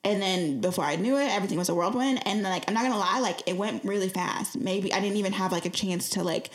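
A young woman telling her story as a guest in casual chat, full of "like" fillers and quick laughs. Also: mid-range voice. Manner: chatty, lots of "like" fillers, laughs often.

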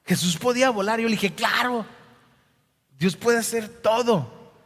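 A man's voice: high-pitched, a little slow, fairly bright tone, in a large hall. A male pastor delivering a sermon, dramatically acting out scripture quotes.

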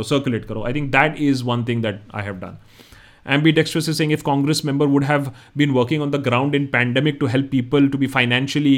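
A man with an Indian accent hosting a casual audience Q&A, talking conversationally and switching between English and Hindi. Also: medium pitch. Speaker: host. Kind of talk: casual live audience Q&A talk.

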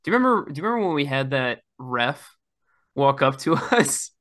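A man's voice: mid-range voice, very animated, fairly quick, a bit bright. A young man co-hosting a sports podcast, joking and bantering in casual chat. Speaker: podcast co-host.

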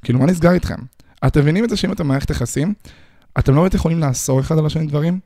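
A man's voice: on the high side, dark tone, dry recording, studio quality. A young man talking straight to his listeners about relationships, rambling through restarts and rhetorical questions. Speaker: social commentator. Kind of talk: casual monologue on relationships.

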